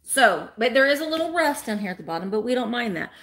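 A woman, chatting bubbly and fast to live viewers from a small room at home. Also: a little high, very animated, fairly bright tone. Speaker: vintage reseller host. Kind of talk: casual live-stream chat.

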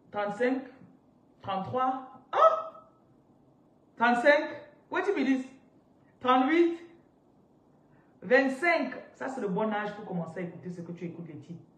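A woman in her thirties, a spiritual business coach, teaching on a live stream in an animated, interactive way and reading out viewers' comments from a chair indoors. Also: a little high, a little slow, pauses often. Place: indoors, seated on a large ornate chair. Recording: roomy echo, somewhat distant from mic, faint noise.

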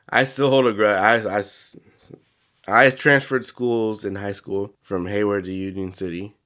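A man's voice: lowish voice, fairly bright tone, clear, resonant tone. A young man, congested, co-hosting a podcast in casual, rambling chat full of swearing and restarts. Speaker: podcast co-host.

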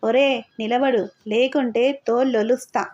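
A woman's voice: on the high side, steady tone, measured pace, muffled recording. A woman reading the lines of an angry, domineering male village landlord in an audio novel, barking out threats. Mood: threatening. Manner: harsh shouted threats.

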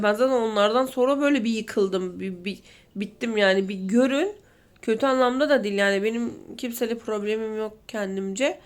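A woman in her thirties talking to camera in an emotional, rambling vlog, close to tears at times. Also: a little high. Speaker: vlogger. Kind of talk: confessional vlog chat.

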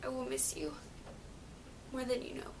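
A young woman playing a grieving daughter in a sad monologue, melancholy and tearful, saying a tender, halting goodbye. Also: animated. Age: young adult. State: crying. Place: small plain room, indoors. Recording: rumbly room noise, distant microphone.

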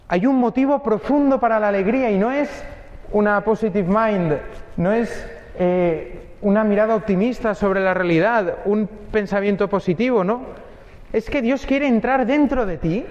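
A man's voice: high voice, a little mellow, reverberant, big-room sound, highs cut off. A man, a priest giving an earnest sermon that speaks straight to each listener. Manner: earnest, addresses listeners directly.

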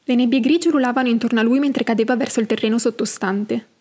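A woman hosting a podcast, narrating and explaining fantasy lore in a measured, explanatory way. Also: a little high, dark tone. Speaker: podcast host.

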